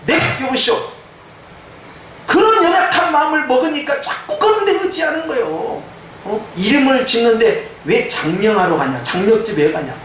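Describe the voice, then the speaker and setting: A man preaching with a high voice that leaps up and down as he acts out the voices in his stories. He speaks with a touch of Jeolla dialect. The mic is set back from him, and his voice carries through a very echoey church hall with a faint hum behind. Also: moderate pace, distant mic. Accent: Korean, some Jeolla dialect. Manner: animated preaching, mimicking quoted voices. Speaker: pastor. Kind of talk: sermon. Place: church sanctuary.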